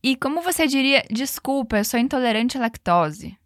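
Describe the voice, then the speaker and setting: Higher-pitched woman, slow drilled English. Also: animated, no room sound, studio quality. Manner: slow, drawn-out English model phrases; encouraging, repeats drills. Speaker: English teacher. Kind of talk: language lesson.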